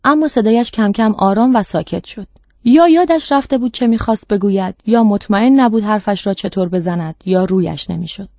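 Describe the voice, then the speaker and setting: A woman's voice: medium pitch, warm tone, no echo. Woman narrating a story, dry sound. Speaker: audiobook narrator. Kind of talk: scripted narration.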